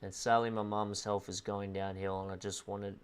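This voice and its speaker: Young male streamer with a low voice, heartfelt and emotional, speaking haltingly to a viewer. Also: flat delivery, clear, resonant tone. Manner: earnest, halting, repeats "bro" and "man". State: emotional, close to tears. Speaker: livestreamer.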